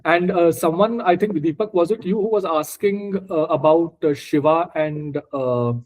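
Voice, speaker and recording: Here a Marathi-speaking Indian man leads a casual scripture class, going through the text word by word and taking questions, with an Indian accent. His slightly high, darkish voice moves at a moderate pace, though the audio quality is poor.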